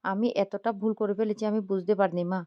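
A woman voicing a remorseful young man who begs his mother for forgiveness in a soft, tearful voice, in a storybook retelling. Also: mid-range voice, fairly even intonation, fast, no echo, dull audio, close to an everyday voice. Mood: sobbing, remorseful. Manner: tearful, begging, quieter. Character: remorseful, sobbing young man, gambler son.

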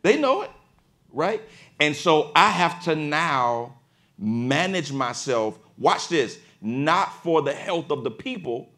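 Hosting a panel on a studio stage in front of an audience, a pastor and podcast host preaches in a way that climbs to emphatic peaks. His voice sits on the high side, fairly bright, with big pitch swings and a slow pace.

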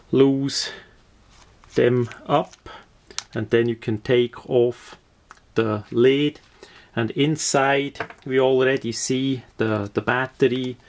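A man's voice: medium pitch, darkish tone. A man from Switzerland with a Swiss accent gives an unscripted product demonstration, searching for words and often repeating them. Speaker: product reviewer.

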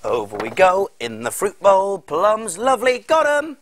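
A man's voice: high-pitched, wildly swooping pitch, a little slow, a little hiss or hum, exaggerated voice. An actor in his thirties playing a friendly, enthusiastic big cook in an exaggerated children's TV presenting style. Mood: playful. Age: 30s. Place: TV studio kitchen set.

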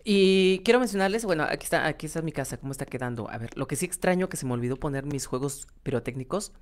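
A woman's voice: sits low, expressive, fast. A woman hosting a gaming channel, giving rambling, casual gameplay commentary with lots of fillers and restarts, often addressing viewers directly. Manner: talks to viewers as "chicos".

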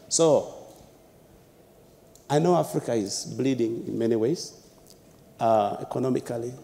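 A man's voice: mid-range voice, gravelly, dark tone. A young man on a panel in a lecture hall, speaking with emphatic, repetitive rhetorical phrasing into a lapel mic. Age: young adult. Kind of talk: impassioned panel speech.

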